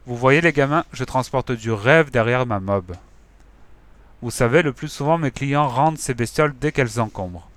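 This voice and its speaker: Storybook read-aloud, man voicing male smuggler thug, mocking, slangy, mid pitch, dry close sound. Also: moderate pace, a bit bright, dry recording, close to an everyday voice. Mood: sneering.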